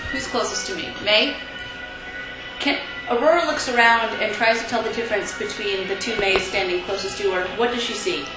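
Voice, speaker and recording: A woman playing a tabletop game, giggly and quick to react. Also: mid-range voice. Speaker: player. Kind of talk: casual tabletop play. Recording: very echoey room with background music.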